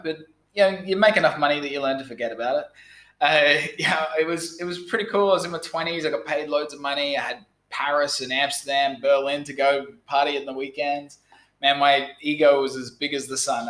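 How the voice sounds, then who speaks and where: In a casual interview, a podcast guest from Australia in his thirties speaks bluntly with an Australian accent, frequently starting his sentences over. His mid-range voice has a fairly bright tone, and the recording sounds reverberant.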